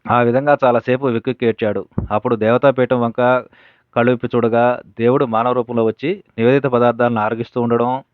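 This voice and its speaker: A man reading devotional stories aloud from a book at a steady pace, sometimes stopping to correct a word. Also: medium pitch, a little fast, dry recording. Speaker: reader of spiritual teachings. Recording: narrow phone-like dry audio.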